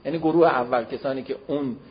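Male preacher lecturing, emphatic with sudden loud and soft swings, mid-pitched, dull lo-fi recording. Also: a little hiss or hum. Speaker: religious lecturer. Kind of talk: religious lecture.

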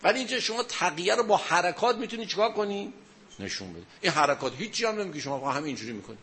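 A man's voice: high-pitched, animated, a bit bright. A man giving a religious talk to an audience, telling a story and asking questions as he explains. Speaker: religious speaker.

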